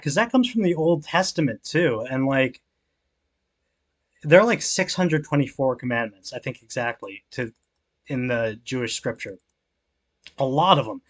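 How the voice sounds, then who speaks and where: A young man talks at a mid pitch while he plays a game on stream. He rambles loosely, fills gaps with ums and likes, swears freely, and stops to read and answer his chat. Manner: casual, rambling, frequent swearing and fillers; reads chat aloud and answers it. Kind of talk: relaxed gameplay stream chat.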